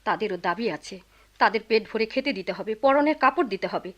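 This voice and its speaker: একজন অভিনেত্রী বাস্তববাদী, কড়া মধ্যবয়সী মায়ের চরিত্রে, নব্বইয়ের দশকের বেতার নাটকের ঢঙে।. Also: female voice, medium pitch, expressive, brisk, lightly acted. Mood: reproachful. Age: middle-aged. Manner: firm, reproachful. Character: practical middle-aged mother, sharp-tongued and tired. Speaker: mother of grown children. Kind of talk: 1990s radio drama acting.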